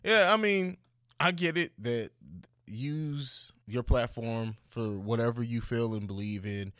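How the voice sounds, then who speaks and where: A man's voice: medium pitch, unhurried, a bit bright, dry recording, clean studio sound. A man co-hosting a podcast, chatting casually about film in a laid-back, profane way and calling his co-host bro.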